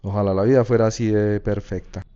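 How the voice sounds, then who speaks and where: A man with a Colombian Paisa accent telling a personal story in a casual, slangy, lively way. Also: fairly low pitch, a little fast, clear, resonant tone, highs cut off. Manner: casual, slangy, animated retelling.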